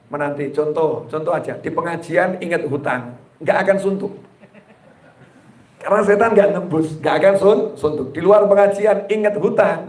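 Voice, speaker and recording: A man preaching to a live crowd in a roomy, echoing hall. His voice sits a little high for a man, and he keeps it light and jokey, speaking right at his listeners. He often splits a word across a pause before finishing it. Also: darkish tone. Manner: jokey, addresses the audience directly, acts out quoted people; breaks words across pauses, then finishes them. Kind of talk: humorous religious sermon to a live audience. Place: gathering hall with a live audience.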